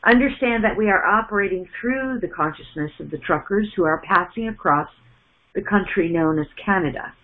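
A middle-aged woman delivers a channeled spiritual message in a halting, measured way, often restarting and repeating words, recorded at home on a wired earphone mic. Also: mid-range voice. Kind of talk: channeled message in first person plural. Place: small indoor room at home. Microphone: wired earphone mic on a webcam call. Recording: phone-like narrow sound.

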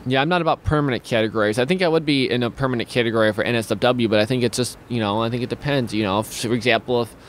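A man's voice: mid-range voice, racing, few pauses, slight background noise. A young man hosting a casual talk stream from a small home studio on a headset and studio mic, rambling with many restarts as he reads viewer comments. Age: young adult. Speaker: host of a streaming talk show. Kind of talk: casual video-call chat. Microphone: studio mic with headphones.

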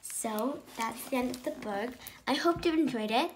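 A woman's voice: on the high side, animated, normal speed, a little hiss or hum. A woman hosting a children's storytime, reading a picture book aloud and adding her own asides. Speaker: storytime host.

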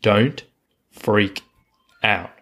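A man's voice: lowish voice, very slow, fairly bright tone. A man hosting a solo coaching podcast, talking in an earnest, reassuring way and repeating words for emphasis. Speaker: podcast host, hiking coach.

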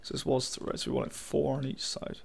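A man's voice: mid-range voice, little pitch movement, fairly quick, vocal fry, slight background noise. A young man giving casual, frustrated commentary while playing a game, swearing often and talking to his viewers. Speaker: gaming channel host.

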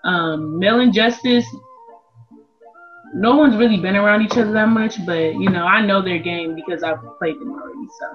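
This roughly 18-year-old college basketball player from Las Vegas speaks at medium pitch and a moderate pace. Interviewed over a video call from an indoor room, she gives relaxed answers while music plays beneath the dull-sounding audio.

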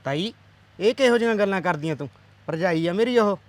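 A young man playing a calm, soft-spoken, dutiful village nephew in a village drama. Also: high-pitched, fairly quick. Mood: mild.

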